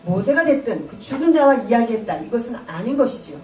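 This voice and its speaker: A woman's voice: fairly high pitch, big pitch swings, fast, darkish tone. A woman interpreting a sermon into Korean, speaking to the congregation in a polished, explanatory way. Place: church sanctuary. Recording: echoey church hall, distant mic.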